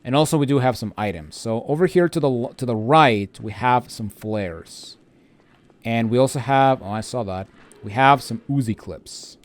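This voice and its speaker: A man's voice: mid-range voice, moderate pace. Informal man doing game walkthrough commentary. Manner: informal, grumbling, rambling. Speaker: video game walkthrough host. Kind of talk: casual gameplay commentary.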